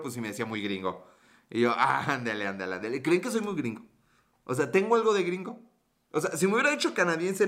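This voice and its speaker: A man's voice: on the high side, sharp tone. A man with a Mexican accent hosting a casual livestream, joking in slang and greeting viewers by name. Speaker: livestream host.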